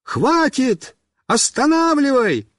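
Reader does a scared young boy figure, high, yelling desperately. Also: sing-song, takes it slowly, dry recording, studio quality, full character voice. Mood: panicked shouting. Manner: shouting, pleading. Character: panicky young boy stuck on a runaway ride.

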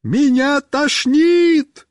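Reader does a scared young boy figure, high, yelling desperately. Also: very slow, no room sound, clean studio sound, heavily acted. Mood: panicked shouting. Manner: shouting, pleading. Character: panicky young boy stuck on a runaway ride.

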